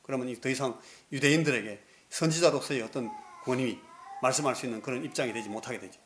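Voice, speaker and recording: Male pastor, sermon, animated storyteller, acts out the scenes, mid-pitched. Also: fast, slight background noise.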